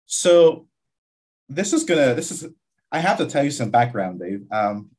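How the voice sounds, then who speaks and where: A man's voice: mid-range voice, very animated, measured pace, a little mellow, slightly rough. A man from Guyana, a community college vice president, talking reflectively in an interview with frequent restarts. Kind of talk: interview conversation.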